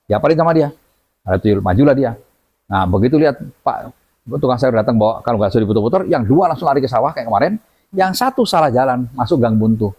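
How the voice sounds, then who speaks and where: A man telling a story as a guest in a lively way, acting out the voices of the people in it. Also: mid-range voice, fast, breathy edge. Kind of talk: animated storytelling. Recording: dull lo-fi audio.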